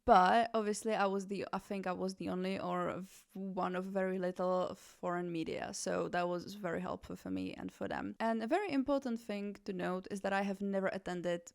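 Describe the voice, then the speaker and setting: A Czech woman in her twenties, a fashion journalist hosting a podcast, talking casually in a chatty, animated way with many self-corrections. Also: medium pitch, normal speed, gravelly, few pauses. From Czech Republic.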